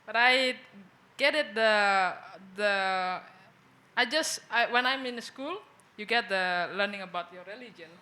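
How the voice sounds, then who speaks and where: A woman from Bali with an Indonesian accent speaks as a guest on a discussion panel before an audience at an event venue. Her mid-range voice is measured in pace and sharp in tone, and she hesitates, searching for words.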